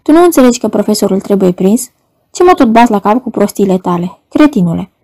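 A woman's voice: mid-range voice, sing-song, dark tone, dry recording. A woman reading an audiobook voices an agitated young male poet in a frantic, raised voice. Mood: scornful.

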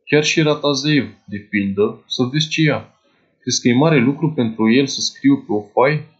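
A man's voice: mid-range voice, muffled recording, natural voice. A man playing a poor, fussy older clerk who confides in a young woman in a chatty, doting way. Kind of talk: dramatized literary monologue.

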